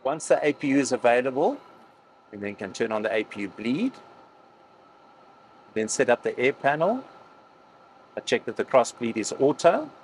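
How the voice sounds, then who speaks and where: A man explaining a cockpit preparation as a pilot instructor, calmly going through each check in a cockpit. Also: mid-range voice, normal speed, long pauses, a little hiss or hum, low-quality recording. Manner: calm, explains each step plainly. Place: aircraft cockpit.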